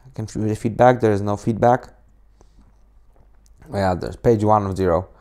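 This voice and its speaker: A Polish man in his 20s, speaking English as a second language, rambles casually through a screen-recorded coding tutorial at a moderate pace. His lowish voice is warm, smooth, and steady in tone, full of restarts and fillers, and it's picked up by a cheap desk microphone on a laptop.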